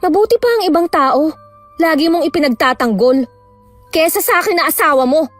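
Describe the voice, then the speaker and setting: An actress playing a gossipy, resentful wife who complains and argues defensively. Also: female voice, high voice, expressive, fairly quick, faint music behind. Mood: bickering.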